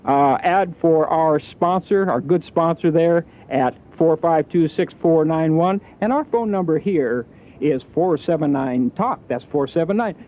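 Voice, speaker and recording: A genial radio host with a fairly high voice runs his call-in show in an easy, chatty manner, dropping in frequent fillers as he talks. His broadcast comes through thin and tinny, like an old phone line. It has the sound of a small station studio. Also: measured pace. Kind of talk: on-air call-in radio giveaway patter.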